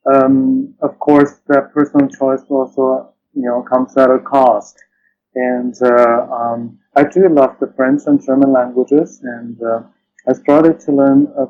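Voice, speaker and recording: Muffled and noisy, this recording captures a hesitant man with a mid-range voice, a literary translator giving conversational interview answers. He repeats words and searches for his phrasing, under dull lo-fi sound and loud-ish background noise.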